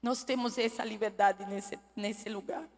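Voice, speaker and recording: A woman's voice: medium pitch, fairly even intonation, measured pace. A woman telling her testimony in a church, making earnest, pleading appeals to the listener. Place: church hall. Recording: long church hall reverb.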